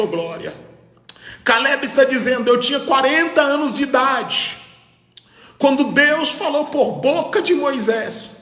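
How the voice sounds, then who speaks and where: A man preaching a fervent Pentecostal sermon as pastor, rising to shouts and breaking into tongues. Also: very high-pitched, roomy sound, long reverb tail.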